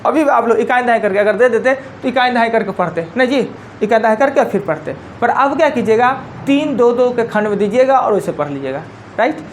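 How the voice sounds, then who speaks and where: A woman's voice: fairly high pitch, lively intonation, brisk, a little hiss or hum. A woman teacher with a Bihari Hindi accent gives a live classroom lecture. She explains step by step, counting digits aloud and repeating her key points.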